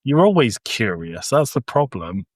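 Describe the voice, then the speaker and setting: A man's voice: medium pitch, very animated, unhurried, dry recording. A British man co-hosting a podcast, teasing his friend with short dry quips. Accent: British English. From Britain. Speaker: podcast co-host. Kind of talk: casual podcast chat. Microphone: close podcast mic, dry sound.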